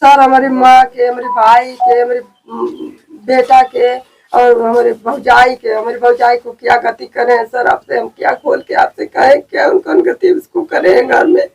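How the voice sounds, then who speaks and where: Tearful woman interviewee, raspy and distant. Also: fairly high pitch, level tone, a little mellow. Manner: pleading, rapid tearful telling. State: crying. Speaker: interviewee, victim's relative. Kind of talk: distressed field interview.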